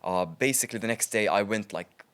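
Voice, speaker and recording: A man, a trader guest, telling stories in a casual interview in a chatty, lively way, with frequent ums. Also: lowish voice, fairly quick, smooth.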